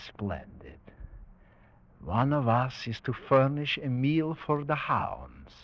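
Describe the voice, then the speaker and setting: An actor playing a cultured, coolly sinister general who hunts men, suave and theatrically polite, in a 1940s radio drama. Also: male voice, mid-range voice. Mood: startled, gracious. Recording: dull, band-limited 1940s radio recording.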